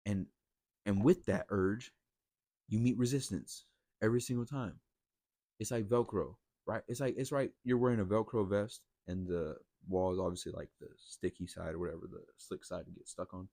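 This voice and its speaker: A man's voice: lowish voice, fairly even intonation, moderate pace, mellow, no room sound, studio quality. A man hosting a casual motivational monologue, blunt and profane, rambling with frequent restarts. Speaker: podcast host.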